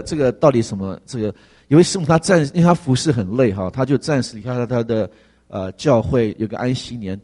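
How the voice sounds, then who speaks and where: Husky-voiced man preaching a sermon. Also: mid-range voice, warm tone. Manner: storytelling with frequent fillers and rhetorical questions.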